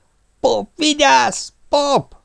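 A man's voice: high voice, gravelly, darkish tone, smooth, voice pushed up. A man voicing an anxious, scolding mother who fusses and frets. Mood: fretful. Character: anxious, fussing mother and wife.

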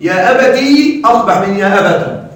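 A man teaching grammar in a classroom lecture, quizzing his students with quick questions. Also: high-pitched, animated. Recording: very echoey room, mic far off.

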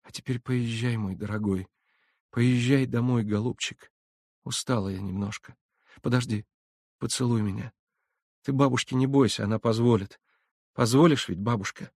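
A man reading as a weak, loving young village woman who talks softly and pleads. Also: mid-range voice, fairly even intonation, normal speed, pauses often, no room sound, studio quality, voice pushed up, close to an everyday voice. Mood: weary tender.

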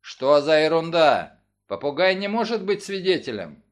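A man's voice: a little high, big pitch swings, unhurried. Male narrator doing an indignant, lecturing coroner, audiobook. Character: indignant middle-aged male coroner, gruff.

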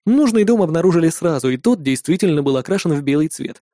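A man reading a first-person fantasy adventure aloud in steady storytelling style. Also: on the high side, quick pace, no room sound, clean studio sound. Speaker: audiobook narrator.

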